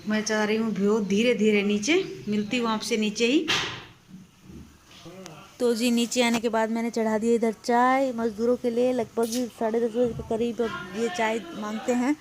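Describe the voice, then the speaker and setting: A woman with a somewhat high voice chats her way through a casual daily vlog. She speaks straight to her viewers and turns playful and coaxing with her toddler. She is recorded at home. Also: little pitch movement, normal speed. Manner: chatty, addresses viewers directly. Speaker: vlogger. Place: family home.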